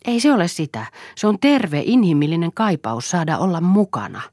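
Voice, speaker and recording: A woman reading the part of a male doctor in an audiobook, speaking in a measured, gently ironic way. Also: fairly low pitch, sing-song, no echo, studio quality, voice pushed up. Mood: earnest. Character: man, a doctor, gently wry and earnest. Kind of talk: audiobook character voice.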